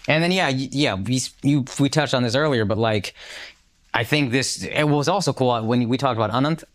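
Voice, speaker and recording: An American man co-hosting a podcast tells a casual story in a mid-range voice, speaking a little fast. He's an animated storyteller who swears freely and acts out quotes.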